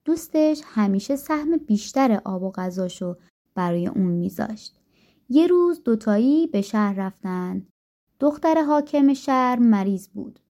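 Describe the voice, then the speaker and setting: A woman narrating a folk tale in a calm, gentle storytelling manner. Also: fairly high pitch. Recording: dull lo-fi recording.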